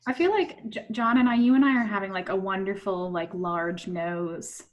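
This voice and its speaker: A woman's voice: mid-range voice, moderate pace, lo-fi sound. Joking, rambling woman on a video call. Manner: joking, rambling, laughs often. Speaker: robot team member. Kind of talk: casual chat on a video call.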